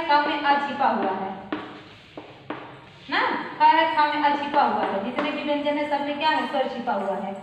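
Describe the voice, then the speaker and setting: A woman teaching a grammar lesson to children, asking questions and answering them herself. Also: high voice. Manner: calls the pupils "child" and repeats key terms. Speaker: school teacher. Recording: very echoey room, faint background noise.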